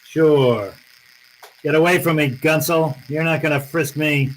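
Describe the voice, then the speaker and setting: A man's voice: a little high, fairly even intonation, unhurried, a little hiss or hum, lightly acted, poor audio. A man playing a tough, wry private eye in a radio noir drama, terse and slangy, both narrating and in dialogue. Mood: tough, defiant. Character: wry, tough, hard-boiled male private detective.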